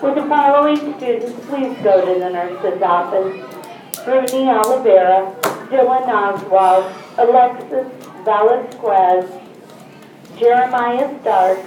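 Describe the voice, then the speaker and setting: A woman giving a school office page, reading out a list in a flat, matter-of-fact way. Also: fairly high pitch. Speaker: school office staff paging students. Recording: echoey, distant intercom-like sound, faint noise.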